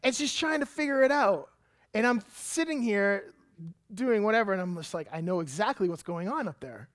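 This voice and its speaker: A man in his thirties, a pastor, preaching a sermon and telling a lively personal story with emphatic delivery. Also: sits high, normal speed, dry recording, clean studio sound.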